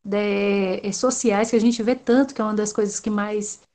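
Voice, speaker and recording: A woman's voice: medium pitch, steady tone, normal speed, a little mellow. A woman from Salvador, talking in a rambling, hesitant way with many fillers during an online class discussion. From Salvador, Brazil.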